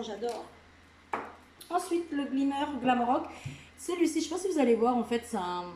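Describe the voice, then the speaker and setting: A woman's voice: fairly high pitch, dark tone, reverberant, slight background noise, rough recording. A woman vlogging casually about a nail polish haul, chatty and gushing, with lots of filler words. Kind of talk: casual product haul video. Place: indoor room with a lamp.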